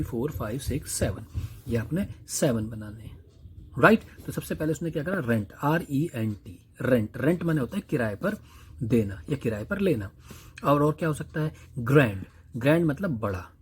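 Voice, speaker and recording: A man teaching a primary-school English lesson. He reads each question slowly, translates it, then asks the listener questions and answers them himself. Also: fairly high pitch, slightly rough.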